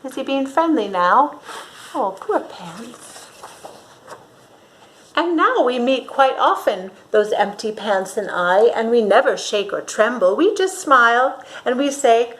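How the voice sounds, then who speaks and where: On a rough recording, a woman whose voice is a little high performs a storybook for young kids, expressive and theatrical, breaking off to quiz her audience.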